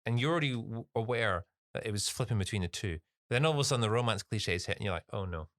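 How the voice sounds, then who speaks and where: A man co-hosting a podcast, chatting casually about a film in an animated, rambling way. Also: lowish voice, fast talker, no echo, clean studio sound. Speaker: podcast co-host. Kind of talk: casual film review chat.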